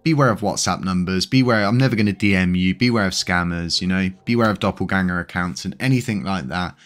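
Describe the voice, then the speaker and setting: This crypto channel's British host has a low voice and talks at a quick pace, with faint music in the background. His news commentary is casual and rambling with plenty of fillers, and he sounds stuffed up and slightly wheezy.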